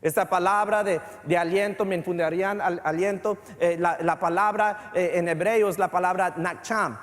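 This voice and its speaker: Man, pastor, bilingual sermon, high voice, long church echo. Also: steady tone, moderate pace. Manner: mixes English phrases into Spanish; repeats words, builds to fervent emphasis. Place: church sanctuary.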